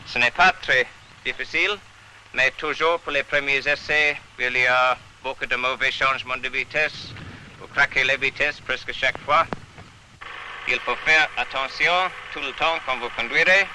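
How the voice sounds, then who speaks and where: A man's voice: medium pitch, steady tone, moderate pace, bright, forceful tone. A man instructing racing students bluntly, scolding mistakes, on a 1960s report. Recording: old 1960s film sound, noisy.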